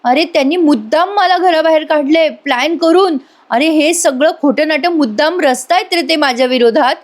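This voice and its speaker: A woman voicing a scheming young wife who pleads in a high, whiny tone. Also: moderate pace, natural voice. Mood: pleading.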